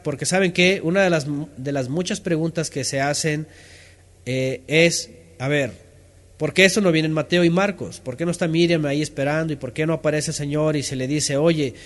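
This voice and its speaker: A man teaches from the Bible with a slightly higher voice. He poses questions, reads out answers from his listeners and pauses over scripture passages to explain them. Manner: reads scripture aloud, stopping to comment.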